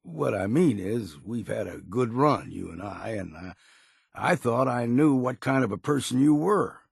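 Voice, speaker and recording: An actor playing a gruff, stubborn old seafarer in a video game, with a gravelly, raspy voice and a plain-spoken, folksy, weary but loyal manner. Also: male voice, medium pitch, lively intonation, a little slow, dry recording, studio quality, full character voice. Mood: troubled, reproachful. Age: older. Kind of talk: video game character dialogue.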